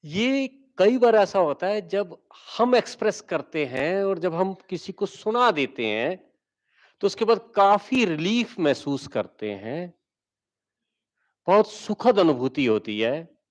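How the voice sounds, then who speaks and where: A man with an Indian accent giving a spiritual talk to a live audience, slow and coaxing, asking listeners to repeat phrases. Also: sits high, very animated. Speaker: spiritual speaker.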